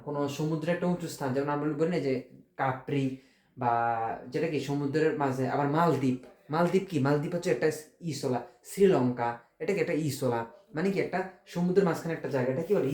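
Bengali-speaking male tutor, fairly high and mellow voice, drills words slowly, asks himself questions. Recorded in an echoey room. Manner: explains step by step with many rhetorical questions. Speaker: Italian language teacher. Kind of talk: informal online language lesson.

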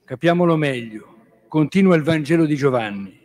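A man, a priest, giving a spiritual reflection on scripture. He speaks in a measured, reflective way and keeps restating his points. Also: on the high side, expressive, a little mellow.

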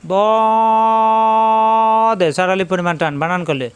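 A man's voice: sits high, lively intonation, a little fast, a bit bright, smooth, dry recording. A man teaching Quran letter pronunciation, spelling each letter out and repeating it for his students. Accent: Bangladeshi Bengali. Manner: addresses students directly.

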